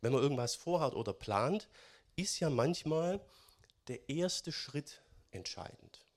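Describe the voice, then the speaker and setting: A man giving a sermon in German, chatty and conversational, often adding "ne?" and swinging between loud stressed phrases and quiet musing. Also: fairly high pitch, lively intonation, measured pace. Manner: conversational, keeps adding "ne?" tags. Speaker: preacher.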